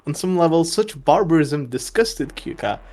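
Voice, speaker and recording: A man's voice: on the high side, lively intonation, moderate pace, a little mellow. A man reading a story aloud with friends, joking and laughing between passages. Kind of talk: casual group reading and chat.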